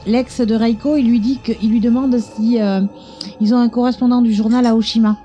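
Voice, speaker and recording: Mellow-voiced woman laying out a film's plot, detail by detail. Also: a little high, steady tone, fairly quick, faint music behind. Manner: explanatory, detail-focused. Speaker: podcast co-host. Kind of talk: casual film recap chat.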